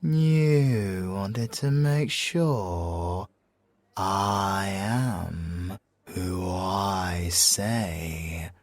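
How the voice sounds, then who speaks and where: In an ASMR audio roleplay, a British man with a low voice plays a suave, flirtatious, possessive ex-special-forces bomb expert, and the recording is dry with no echo. His heavily acted delivery is teasing and theatrical, stretching out words and dropping into whispered asides. He sounds smug and confiding.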